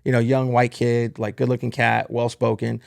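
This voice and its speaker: A man from Texas hosting a podcast, telling stories in an animated, profane way during casual conversation. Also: medium pitch, moderate pace, gravelly, no echo, studio quality. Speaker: podcast host.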